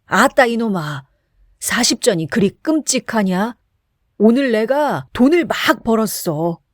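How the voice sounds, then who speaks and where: A woman voicing a drunk, coarse middle-aged man who shouts boastful curses. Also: on the high side, animated, a little slow, dry recording, studio quality. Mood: drunken bluster.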